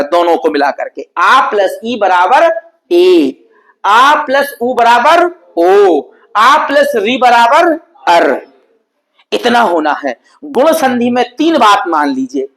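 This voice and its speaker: A man teaching an exam-prep grammar lesson at a board, explaining patiently and repetitively, sounding out example words slowly and often checking in with his students. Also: high voice, fairly bright tone, poor audio. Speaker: Sanskrit teacher.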